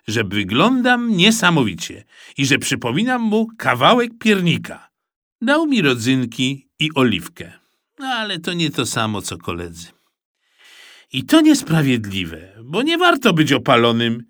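A man narrating a children's storybook aloud in a lively, expressive manner, recorded close on a studio mic. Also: mid-range voice, no echo. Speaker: audiobook narrator.

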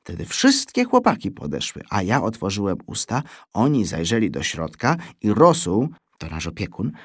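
Expressive man reading a children's story. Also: on the low side, normal speed, husky, no room sound, studio quality. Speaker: reader.

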